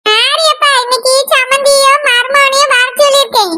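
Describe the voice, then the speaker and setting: A woman's voice: very high voice, steady tone, normal speed, sharp tone, soft background music. A woman voicing a stubborn middle-aged village mother who argues insistently, with a Kanyakumari accent. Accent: Kanyakumari Tamil. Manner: pleading then reproachful, insistent. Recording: noisy recording.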